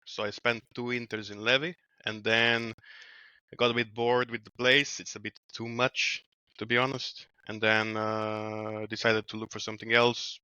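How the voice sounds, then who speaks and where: This wilderness guide from Slovenia, a man in his twenties with a Slovenian accent, is chatting as an interview guest on a video call and telling casual stories from a small room at home. He speaks at a moderate pace in a clean, lowish voice, easygoing and quick to laugh, often leaving sentences unfinished. The headset audio is dull but free of echo.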